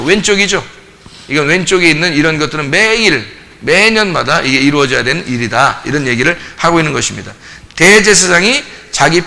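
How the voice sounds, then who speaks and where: A man's voice: sits high, vocal fry. A male pastor teaching a casual Bible study, asking his group questions and acting out scenes from the text. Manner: animated, acts out scenes, asks the group questions. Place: church.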